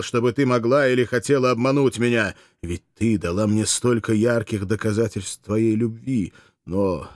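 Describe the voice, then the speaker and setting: Мужчина озвучивает простодушного гладиатора, растерянно и умоляюще, в аудиокниге. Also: male voice, mid-range voice, no echo, studio quality, close to an everyday voice. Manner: pleading, flustered. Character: simple-hearted male gladiator, bewildered, earnest. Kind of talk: audiobook character voice.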